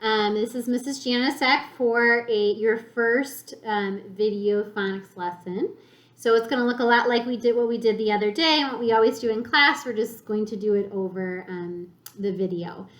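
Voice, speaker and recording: A woman teacher giving a recorded phonics lesson to young children, sounding out letters slowly and encouragingly. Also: on the high side. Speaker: elementary school teacher. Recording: echoey room.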